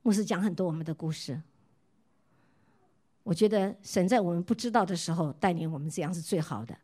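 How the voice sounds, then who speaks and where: A middle-aged woman from Taiwan preaches a sermon mixed with her own testimony. She keeps asking her listeners questions, and her voice often drops soft and quiet as she tells her stories. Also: fairly low pitch, fairly quick. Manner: asks the listeners repeated questions. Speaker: pastor's wife preaching.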